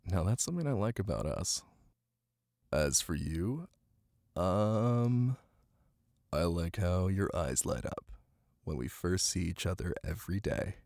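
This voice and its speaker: A man playing an affectionate, playful boyfriend in an intimate ASMR roleplay, with a deep, husky voice and soft, teasing delivery. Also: sing-song, no room sound, heavily acted. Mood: tender, affectionate. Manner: soft, unhurried, teasing, with murmured pauses. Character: affectionate, playful, ticklish boyfriend reading aloud to partner. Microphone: close microphone. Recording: close, dry, with rain ambience. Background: rain.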